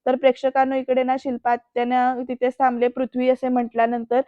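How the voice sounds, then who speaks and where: A woman's voice: high voice, completely flat delivery, a little fast, mellow, clear, resonant tone, no room sound. A woman doing a casual voice-over recap of a TV serial, chatting directly to the viewers and acting out the quoted lines. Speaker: serial episode reviewer. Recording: dull dry lo-fi voice-over.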